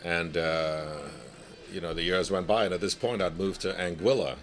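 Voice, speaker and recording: A very deep-voiced man from Nigeria looks back on his work as a chef during a casual interview. He keeps his intonation fairly even, talks in a measured, reflective way, and sometimes laughs lightly.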